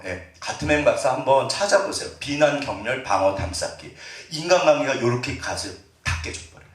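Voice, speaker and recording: A middle-aged pastor preaches in a chatty sermon style, with his pitch rising and falling a lot as he quizzes his listeners. His voice rings around the church sanctuary, picked up from a few steps away. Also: a bit bright. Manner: conversational, quizzes the congregation with questions; acts out family members' words in quotes. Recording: roomy sound, distant from mic.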